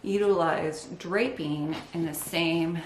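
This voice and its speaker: This woman's low voice moves slowly as she narrates her embroidery in a casual show-and-tell, enthusiastic and dotted with wry remarks. She's out of breath from holding a heavy piece. The indoor room with windows sounds echoey, and there's slight background noise.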